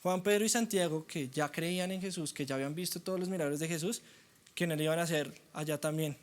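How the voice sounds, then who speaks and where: A young man preaching a sermon, animated and acting out the voices of doubters. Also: a little high, fast talker. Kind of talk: sermon teaching.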